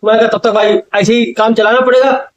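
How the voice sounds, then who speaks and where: A young man vlogger from India, casually retelling a funny barbershop mishap, animated and laughing at his own story. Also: sits high, fairly quick, dull audio.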